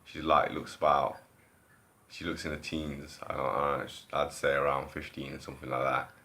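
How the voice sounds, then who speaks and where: A man's voice: extremely low pitch, level tone, normal speed, bright, forceful tone. A man, recording at home in his living room, tells a story in a casual, rambling way, often repeating and restarting his phrases and trailing off. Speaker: vlogger recounting a dream.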